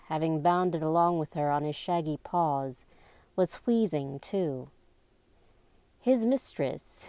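A woman reading a novel aloud as an amateur narrator, voicing the dialogue by going higher and slower. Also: dark tone, no echo. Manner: raises pitch and slows down for dialogue. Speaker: amateur audiobook reader.

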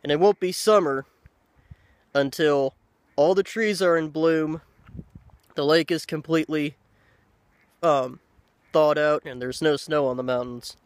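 A man in his thirties talks casually to a handheld camera outdoors. His voice sits a little high for a man, and he speaks in unhurried, halting phrases with pauses. The sound is dry, with no echo. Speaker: pipe-smoking video blogger. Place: outdoors by a lake in woods. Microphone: handheld camera at arm's length.

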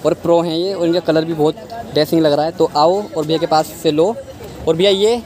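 With a handheld phone at arm's length and a loud street crowd behind, a man in his twenties vlogs a walk through a busy outdoor market. He's chatty, asking prices, repeating them and calling viewers "guys" and "brother." His voice is on the high side, with fairly even intonation and a slightly fast pace.

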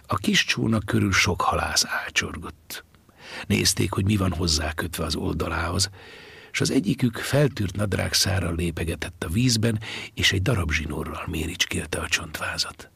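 A man reads a novel aloud in a slow, hushed, half-whispered way. His voice is very deep and thick with gravel and breath. He sits close to the microphone in a dead, dry space. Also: dry recording. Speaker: audiobook narrator. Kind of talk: literary audiobook narration.

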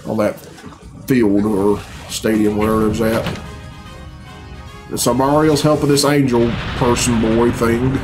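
The audio is poor on this mid-range male voice: a reaction video host in his thirties, reacting casually and off the cuff in a blunt, grumbling, puzzled way with plenty of swearing. He's in a small furnished room at home, and game cutscene music and sound are audible behind him.

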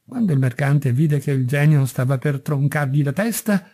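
A man narrating a storybook audiobook in a steady, measured reading. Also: on the high side. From Italy. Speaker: audiobook reader.

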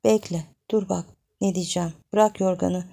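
A young village wife pleads in a frantic hush, her voice pushed high and urgent, as a woman narrator puts her on. The tone stays dark and gravelly underneath, like a storybook reading turned tense. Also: steady tone, normal speed. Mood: pleading.

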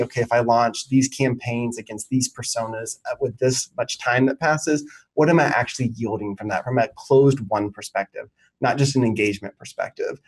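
A man's voice: medium pitch, a little mellow, rough recording. Confident man in his thirties explaining. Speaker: marketing executive guest. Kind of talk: business interview answers. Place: home office, indoors.

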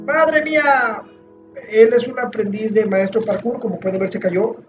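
A man with a high voice narrates his own gaming run in a boastful, mock-heroic tone, often breaking into loud exclamations. He drags his words out slowly. Faint music plays softly behind him. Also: highs cut off. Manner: excitable, dramatic self-hype, mock-heroic third-person boasting; frequent exclaiming and shouting. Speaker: gamer playing a parkour map. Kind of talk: excitable gameplay commentary.

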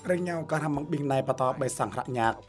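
Male voice reading a tv feature script, even and steady, mid-pitched, soft music behind. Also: quick pace. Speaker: news narrator. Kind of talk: scripted broadcast narration.

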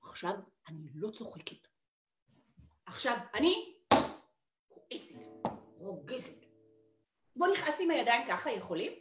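Playful high-voiced woman leading a kids' sing-along. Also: sing-song, pauses often, slight background noise. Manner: playful, coaxing the children to join in. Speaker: children's theater performer. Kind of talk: sung and spoken children's show. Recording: echoey room with soft guitar. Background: guitar.

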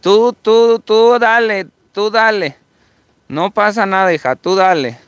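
A woman's voice: medium pitch, slow, smooth, dry recording. A middle-aged woman, the mother, chatting in a supportive way and often repeating herself as she talks. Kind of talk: casual conversation.

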